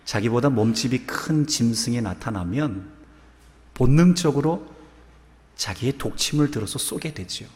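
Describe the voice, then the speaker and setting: Male pastor preaching in a reverberant church. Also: mid-range voice. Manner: slow, measured storytelling. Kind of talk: sermon. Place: church sanctuary.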